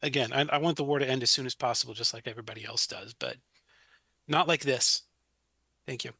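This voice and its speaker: A man's voice: mid-range voice, fairly even intonation, a little fast, vocal fry, sharp tone, slightly rough, dry recording. A man giving an earnest, argumentative public comment at a city council meeting, with many fillers and restarts.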